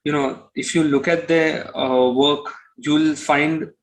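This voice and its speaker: Slow and steady, a young Indian-accented man with a fairly high pitch answers as an interviewee. A singer-songwriter, he explains things casually and reflectively over poor audio.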